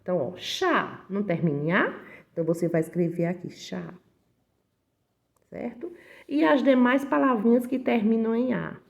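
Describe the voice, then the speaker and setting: A woman's voice: mid-range voice, expressive, normal speed, gravelly. A woman with a Brazilian Portuguese accent teaching a recorded online lesson, explaining patiently and talking to the pupils directly. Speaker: primary school teacher.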